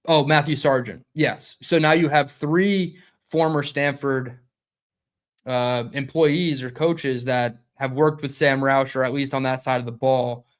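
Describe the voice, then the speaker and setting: A young man hosts a live sports reaction stream in a loose, conversational way. He talks quickly, stumbles over a word now and then, and reads viewers' chat comments aloud as he goes. His voice sits at an ordinary middle pitch for a man. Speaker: podcast host.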